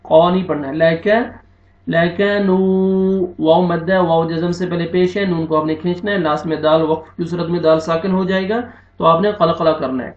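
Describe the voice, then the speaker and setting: Pakistani urdu guy teaching tajweed, drags out the verses then explains fast, echoey lo-fi sound. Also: a little high, level tone. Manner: slow drawn-out recitation alternating with quick explanation. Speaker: Quran teacher. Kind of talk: tajweed recitation lesson. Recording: roomy, dull lo-fi recording.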